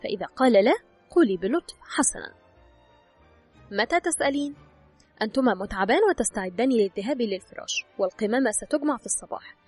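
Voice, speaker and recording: A woman reads an advice book aloud, speaking straight to the listener in an instructive tone. Her voice is breathy and a little high, with a very lively rise and fall. She moves quickly, and faint music sits under her. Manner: instructive, addresses the listener directly. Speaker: audiobook narrator. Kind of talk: scripted narration of an advice book.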